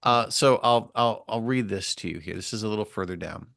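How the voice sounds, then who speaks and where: A man's voice: lowish voice, fairly quick, creaky, fairly bright tone, no echo, clean studio sound. A man co-hosting a podcast in a casual academic discussion, talking emphatically with wry, sarcastic asides and repeated key phrases. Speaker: podcast co-host.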